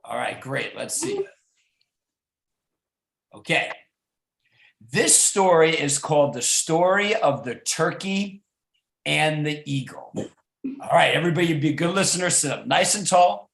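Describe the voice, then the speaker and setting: A man reading a children's story aloud as a storyteller, with an animated, coaxing manner. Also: fairly high pitch, measured pace, gravelly, long pauses. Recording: echoey room.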